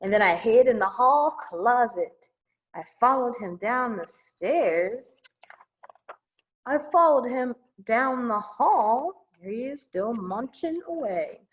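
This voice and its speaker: Slow and animated, with a fairly high pitch, a woman leads a children's storytime over a rough recording. As the librarian reads, she plays it up and drops in lively, offhand exclamations.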